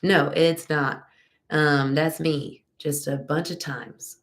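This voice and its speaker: A woman's voice: deep voice, fairly even intonation, slow. A young woman from Texas with a slight lisp, congested, chatting casually and rambling as she answers fan questions in a live Q&A. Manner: chatty, rambling, many ums.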